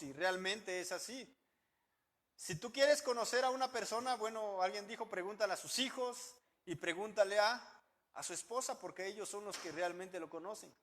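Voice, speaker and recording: A man preaches a sermon in a very high voice. His tone is bright and ringing. He keeps putting questions to the congregation and answers them himself, swinging from loud to soft. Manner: shifts loudness a lot. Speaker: pastor.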